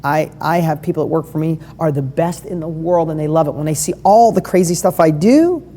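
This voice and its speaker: A woman's voice: low-pitched, fairly quick, dark tone. Enthusiastic woman coach in a reverberant hall. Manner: enthusiastic and conversational, asks the audience questions. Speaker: business coach. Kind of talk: live online training talk.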